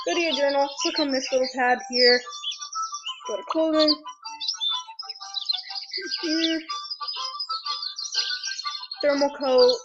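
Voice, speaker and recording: A woman's voice: high-pitched, fairly even intonation, takes it slowly, long pauses. A woman talking casually through a video game walkthrough, chatty and unsure, with lots of ums and self-corrections. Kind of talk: casual gameplay commentary. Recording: dull lo-fi voice over loud game music.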